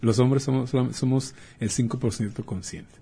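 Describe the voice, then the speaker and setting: Mellow, husky-voiced man. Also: medium pitch, steady tone, normal speed. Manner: explains with acted-out dialogues and rhetorical questions. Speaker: doctor guest. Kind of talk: casual talk-show chat.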